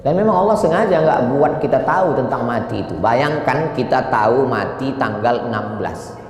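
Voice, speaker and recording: A man preaching a sermon, an animated storyteller who lifts his voice high for quotes. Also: normal speed, slight background noise. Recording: reverberant hall with faint ambience.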